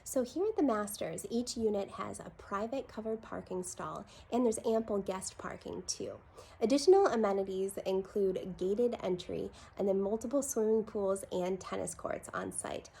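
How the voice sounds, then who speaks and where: A woman with a creaky voice giving an enthusiastic home tour as a gushing real estate agent, full of superlatives. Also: medium pitch, moderate pace, mellow, a little hiss or hum. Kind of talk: enthusiastic property tour presentation.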